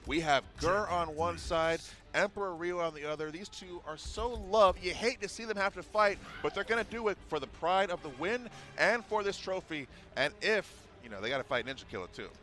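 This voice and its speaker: A man doing energetic play-by-play commentary for a fighting game match. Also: high voice, brisk, few pauses. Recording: commentary over loud game music.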